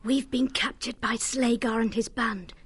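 A man voicing a gentle young female badger who speaks softly and wistfully. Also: extremely high pitch, steady tone, measured pace, breathy edge, pitched above the performer's own voice, full character voice. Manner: soft, wistful.

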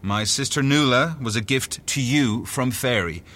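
An actor playing a suave, sly fae noble and courtly emissary, with a flippant, theatrical manner, in an audio drama. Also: male voice, mid-range voice, measured pace, a bit bright, lightly acted. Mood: smoothly courtly. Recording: music behind the voice.

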